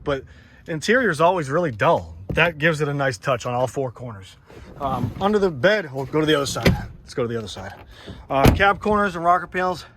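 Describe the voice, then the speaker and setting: A man's voice: medium pitch, background noise. A man giving a casual walkaround of a truck for sale outdoors, talking in a rambling, enthusiastic way with plenty of ums and uhs. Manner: rambling, filler-heavy, enthusiastic. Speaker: truck seller. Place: outdoors beside a parked truck.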